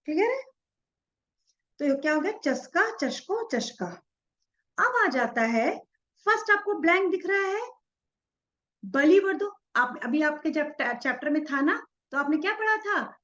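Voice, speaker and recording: A high-voiced woman teacher talks slowly and patiently, spelling out each letter as she writes it. Her pitch rises and falls a lot as she asks questions and answers them. The recording sounds dull and lo-fi. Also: fairly bright tone. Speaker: Sanskrit teacher. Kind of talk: explaining a textbook lesson.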